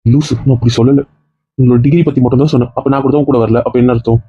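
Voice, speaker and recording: A man's voice: medium pitch, steady tone, very fast, breathy edge, narrow, tinny audio, natural voice. A man playing a caring husband who coaxes and scolds his tearful wife in a homemade skit. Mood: coaxing. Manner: coaxing, then stern threats.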